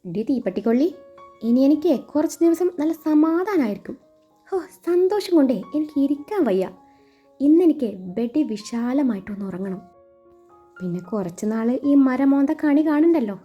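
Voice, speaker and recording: Woman reading a protective young man, gentle and steady, in a muffled storybook reading. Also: high-pitched, moderate pace. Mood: teasing. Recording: muffled recording with soft music.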